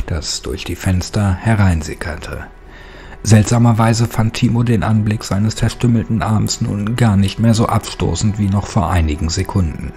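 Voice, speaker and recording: A man narrating a horror story in a slow, measured, dark storytelling manner. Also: fairly low pitch, gravelly.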